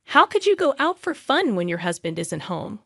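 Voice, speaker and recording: A woman's voice: mid-range voice, very animated, moderate pace, vocal fry, fairly bright tone, dry recording, studio quality, full character voice. A woman reading a scornful older mother-in-law. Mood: scolding. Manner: scolding, belittling.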